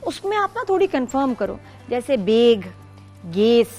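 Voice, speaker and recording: High-voiced chatty Pakistani woman host. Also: sing-song, darkish tone, faint music behind. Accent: Pakistani Urdu. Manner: chatty, advising, switches into English. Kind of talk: studio chat mixing Urdu and English.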